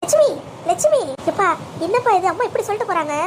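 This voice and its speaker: A dutiful, worried son in a cartoon story, voiced by a woman, pleading in a very high, fast voice. He gives in quickly to his father. Background noise runs throughout. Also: very animated. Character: worried young adult son, man.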